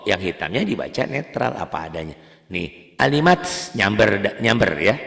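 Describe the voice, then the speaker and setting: A low-pitched man with a gravelly, creaky voice teaches a beginner Quran reading lesson. He talks in a chatty, joking way, keeps repeating the rules, and chants each example word out loud. His voice rings with a long, echoing reverb.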